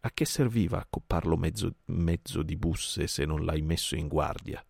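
A man's voice: deep voice, normal speed, gravelly, darkish tone, husky, dry recording, studio quality, exaggerated voice. A man voicing a proud, furious female panther who scolds her companion in an audiobook reading. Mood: scolding.

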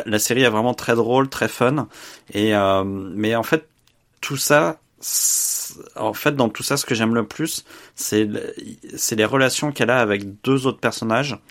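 Male podcast co-host, low voice, loose off-the-cuff review style. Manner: unscripted and searching for words, lively when praising. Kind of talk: casual spoken review.

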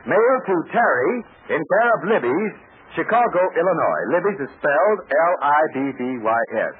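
A man with an American accent announcing and narrating an old radio adventure serial, with an emphatic, showmanlike delivery. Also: high voice. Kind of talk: old-time radio announcer, scripted narration and sponsor pitch. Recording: scratchy 1940s radio recording, narrow band.

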